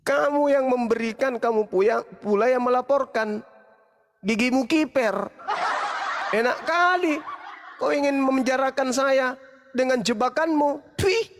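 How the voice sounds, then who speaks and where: A man's voice: extremely high pitch, moderate pace. A man, an Islamic preacher delivering a heated, mocking monologue of repeated rebukes. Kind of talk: angry scolding monologue. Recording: long hall reverb.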